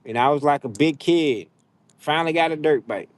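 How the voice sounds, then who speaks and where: A man's voice: on the high side, animated, moderate pace, no echo. A man in his fifties chatting casually on a livestream, rambling and laid-back with many fillers. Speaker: livestream host.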